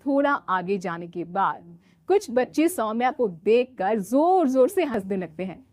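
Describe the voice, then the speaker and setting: Calm woman cartoon narrator. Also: a little high, unhurried, no room sound. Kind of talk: storybook narration.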